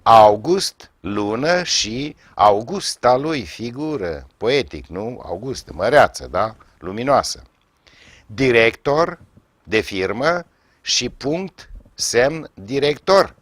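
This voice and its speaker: Didactic lively-pitched man with dry sound. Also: no room sound. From Romania. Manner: measured, didactic, pauses with fillers; dry wry asides. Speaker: language teacher hosting a TV segment. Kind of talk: televised language lesson, reading word lists.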